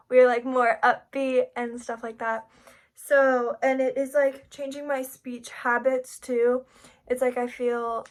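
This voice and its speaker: A young woman talks through a class presentation in a loose, chatty way, dropping "like" into nearly every sentence. Her voice sits a little higher than most women's. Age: young adult. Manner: frequent "like" fillers, chatty and informal. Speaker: psychology student.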